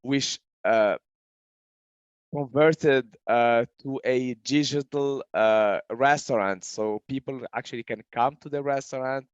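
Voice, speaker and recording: A man in his thirties from Morocco speaks in a smooth, clear voice, halting often with fillers and false starts as he explains his work. The recording sounds dry and a little muffled. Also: medium pitch, no room sound. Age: 30s. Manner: hesitant, many fillers and restarts. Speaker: guest entrepreneur. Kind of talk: casual interview answers.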